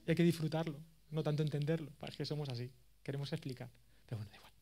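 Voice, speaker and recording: A man in his thirties with an accent from Spain, giving a course lecture as a lively, self-mocking storyteller. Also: on the high side, very fast, slight background noise. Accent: Spain Spanish. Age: 30s. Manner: animated, self-mocking, jokey.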